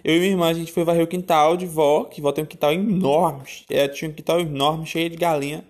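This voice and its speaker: A woman telling a childhood story in a casual, animated, exclamatory way. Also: low voice, quick pace. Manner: animated, exclamatory, addresses listeners as "minha filha".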